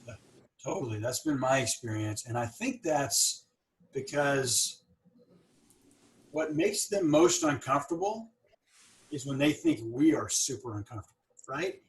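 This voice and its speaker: A middle-aged man, a dentist who owns his practice, hosts a podcast interview in a conversational way. His mid-range voice has lively intonation and an unhurried pace with frequent pauses, and he speaks earnestly while stammering and repeating words now and then. The recording is rough.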